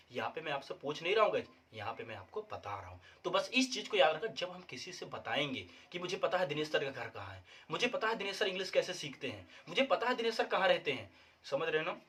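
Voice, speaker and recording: A young man with a high-pitched voice explains English grammar to learners. He repeats each example again and again with firm emphasis, and he sounds a little unwell, with the odd cough. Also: sing-song, fairly quick, fairly bright tone. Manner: repetitive, emphatic classroom explaining, quotes example sentences. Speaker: English teacher. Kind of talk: Hindi-language English grammar lesson.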